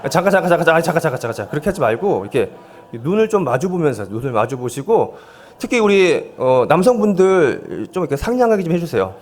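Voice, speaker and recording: Speaking fast with big swings in a higher-than-average pitch, this forties-aged male pastor runs a volunteer seminar from the pulpit of a church sanctuary on a handheld microphone. He jokes, coaxes the congregation, pokes fun at himself, and keeps the sermon playful with audience games.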